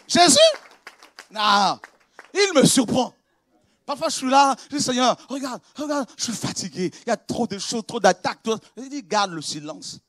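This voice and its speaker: High-voiced impassioned male preacher. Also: a little fast, dry recording. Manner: impassioned, swings from quiet confiding to shouted exclamations; conversational, with laughs and repetitions. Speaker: pastor. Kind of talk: preaching a sermon.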